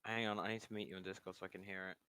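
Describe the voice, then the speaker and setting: Guy on a voice call telling his mate what to click, sharp bright voice, volume all uneven, goes quiet then loud. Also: low-pitched, little pitch movement, racing, a little hiss or hum. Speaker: friend on a voice call helping with mic setup. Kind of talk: casual chat.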